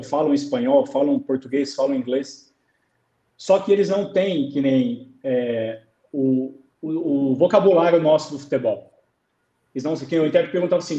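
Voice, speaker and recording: A Brazilian man, a goalkeeper coach, recounting his experiences in a relaxed interview, acting out dialogue as he tells stories. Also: fairly high pitch, roomy sound, lo-fi sound. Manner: storytelling, acts out dialogue. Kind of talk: conversational interview on a live stream.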